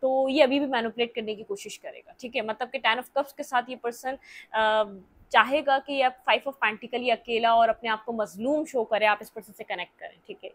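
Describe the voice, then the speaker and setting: A woman with a Hindi accent giving a tarot reading, explaining each card in a thinking-aloud way and often pausing on fillers. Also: a little high. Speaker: tarot reader.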